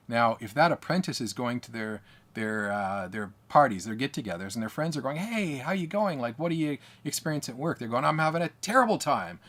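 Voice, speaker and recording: A man's voice: medium pitch, husky. An Australian man coaching business owners, talking emphatically and repeating his points. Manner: emphatic, repetitive, lecturing. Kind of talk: speaking to camera.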